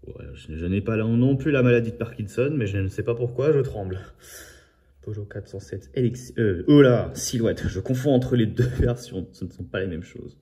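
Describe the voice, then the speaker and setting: A rather low-voiced man chats casually about his collection of model cars. He rambles, repeats himself and trails off into asides. His delivery is loose and conversational. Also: normal speed, dark tone. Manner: rambling, chatty, often repeats "voilà"; apologises for his own accent. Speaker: toy car collector. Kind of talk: casual unboxing chat.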